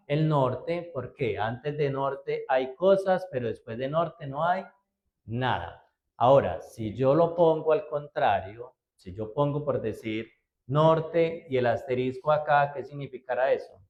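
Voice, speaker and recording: A man with a medium-pitched, slightly mellow voice teaches a spreadsheet class as a computer instructor. He explains each step patiently and often checks that his students are following, asking "¿cierto?" again and again.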